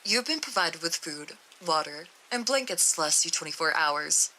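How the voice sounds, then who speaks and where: A woman's voice: sits low, expressive, normal speed, bright, forceful tone, slight background noise, rough recording. A woman voicing a formal interviewer who gives short, polite orders in a horror story reading. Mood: curt. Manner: curt, formal instructions.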